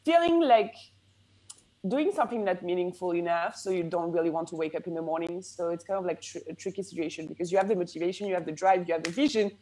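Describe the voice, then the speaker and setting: Speaking quickly in a lowish, mellow voice, this young woman from France talks as a guest on a podcast about her work as a branding coach. She's chatty and upbeat, uses lots of "like" fillers, and has a French accent. The recording is rough.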